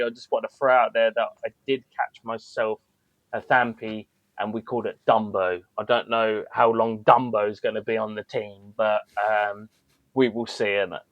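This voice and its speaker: A man's voice: medium pitch, no room sound, highs cut off. A man co-hosting a podcast, chatting casually and tagging his sentences with slang. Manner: slangy, tags lines with "innit". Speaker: podcast co-host. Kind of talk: casual chat.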